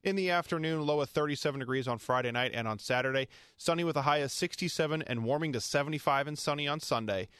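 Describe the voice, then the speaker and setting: A man's voice: fairly high pitch, quick pace, fairly bright tone, clean tone, no echo, studio quality. An American man reading a scripted weather report on the radio.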